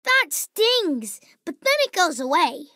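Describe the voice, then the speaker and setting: A cheerful little boy tiger for a children's cartoon game. The voice is very high and swoops in a lively way. The words come slowly and simply, with friendly eagerness. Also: no room sound, clean studio sound, full character voice. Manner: simple, slow, friendly instruction to young children.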